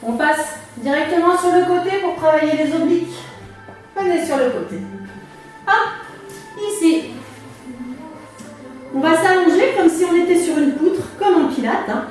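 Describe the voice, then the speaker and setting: Female fitness coach, very high voice, unhurried counting and encouraging cues, heard in a very echoey room. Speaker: fitness instructor leading a workout class. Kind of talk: exercise class instruction with counting. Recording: echoey room, distant mic, music behind.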